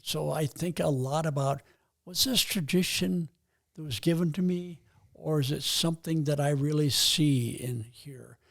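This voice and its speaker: A very old man, around ninety, talking reflectively and haltingly in an interview, with a gravelly, husky voice. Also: on the high side. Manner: halting, pausing to think. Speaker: podcast guest, retired pastor.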